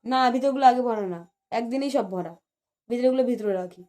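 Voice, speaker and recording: A woman's voice: fairly high pitch, fast, mellow. A woman in casual home chat, coaxing and teasing, repeating her requests. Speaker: wife.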